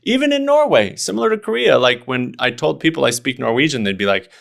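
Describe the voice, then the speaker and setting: Fast and gravelly, with a medium pitch that swings widely and a slightly bright edge, a young Oregon-born comedian talks on a podcast. He's casual and sincere, restarting sentences and leaning on fillers often.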